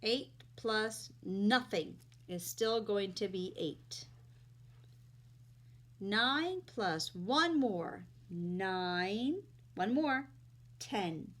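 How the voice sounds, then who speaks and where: A woman's voice: mid-range voice, expressive, very slow, fairly bright tone. A woman teaching young children like a kids' show host, explaining simply step by step and asking her listeners questions.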